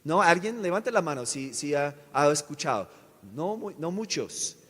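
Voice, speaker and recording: A man giving a sermon testimony as a visiting missionary speaker. He speaks haltingly, restarts his words often and keeps checking with the audience. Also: on the high side, animated, fairly bright tone. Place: church sanctuary. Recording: long echo of a large church hall.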